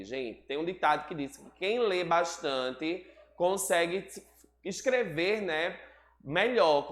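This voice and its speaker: A teacher giving a recorded class. The teacher keeps checking in with students through tag questions and stretches example words out slowly. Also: mid-range voice, fairly bright tone. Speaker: school teacher. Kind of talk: recorded remote class lesson. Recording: roomy echoey room sound.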